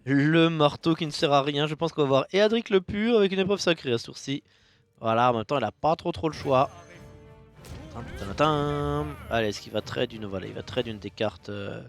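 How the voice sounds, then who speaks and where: A man giving casual, jokey commentary on a card game match, with sudden bursts of loud enthusiasm. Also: medium pitch, fairly quick, creaky, faint music behind.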